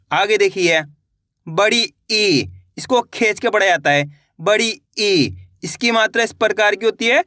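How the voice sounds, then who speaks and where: A man's voice: sits high, sharp tone, no room sound, studio quality. A young man teaching a beginner reading lesson, patiently repeating each question and answering it himself.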